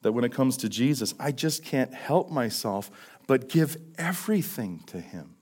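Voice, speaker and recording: A man preaching a sermon as pastor, swinging between loud emphasis and hushed questions, with many rhetorical questions. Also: medium pitch, animated, moderate pace, husky. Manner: repetitive rhetorical questions, frequent "right?".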